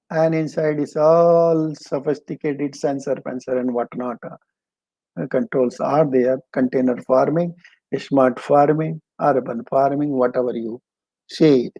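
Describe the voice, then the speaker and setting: Older man, Indian accent, slightly high pitch, mellow tone, halting delivery, informal webinar lecture. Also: muffled recording. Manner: halting, with repeated phrases. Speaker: agricultural expert giving a webinar talk. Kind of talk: informal slide presentation lecture.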